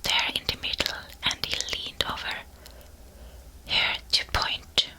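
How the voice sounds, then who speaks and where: A woman whispers an audiobook in an ASMR style, close to a binaural mic. Her breathy whisper is very bright and sibilant, with no voiced tone. She takes the text very slowly and carefully, phrase by phrase. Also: low-quality recording. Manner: slow, soft, deliberate storybook narration. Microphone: close binaural ear-to-ear microphone.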